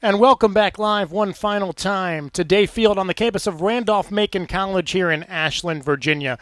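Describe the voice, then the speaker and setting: Guy doing college football radio play-by-play, highish voice, super dry mic, punchy. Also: moderate pace, no echo. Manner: energetic, emphatic sports calling. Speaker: play-by-play announcer. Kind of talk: live football radio commentary. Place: press box at a college football stadium.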